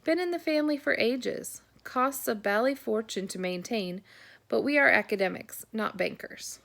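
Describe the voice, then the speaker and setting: A woman reading the lines of a warm, eccentric older British archaeologist uncle, with a British accent and a dry, courteous, brisk manner. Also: a little high, gravelly. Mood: genial. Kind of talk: audiobook character voice.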